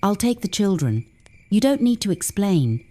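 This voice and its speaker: A woman voicing a calm, dignified wife and mother who speaks with composure. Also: medium pitch, normal speed. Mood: composed.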